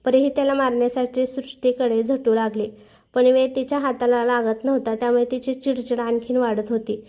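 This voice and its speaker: A woman narrates an emotional family story, acting out every character with feeling. Her voice is high and soft in tone, warm rather than bright. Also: flat delivery, fairly quick.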